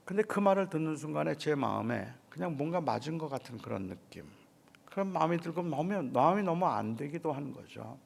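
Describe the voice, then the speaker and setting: A middle-aged male pastor preaching at a dawn service in a church, telling a personal story in a quiet, hushed way. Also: fairly high pitch, animated, brisk, vocal fry, long reverb tail. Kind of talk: sermon at a dawn revival service. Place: church sanctuary.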